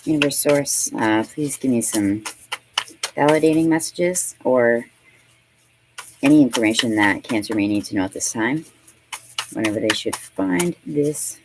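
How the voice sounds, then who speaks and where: A woman's voice: rumbling low, unhurried, long pauses, noisy background. A woman in her late thirties gives a casual tarot reading in a loose, conversational way. She swears freely, laughs often and fills her talk with "um" and "you know". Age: 30s. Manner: chatty and profane, laughing often, full of fillers. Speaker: tarot reader.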